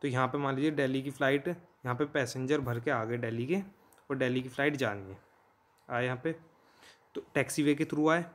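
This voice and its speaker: Mixing English terms into his Hindi, an Indian teacher explains things casually and methodically, pausing often to make sure listeners are following. He talks at a medium pitch and a slightly brisk pace.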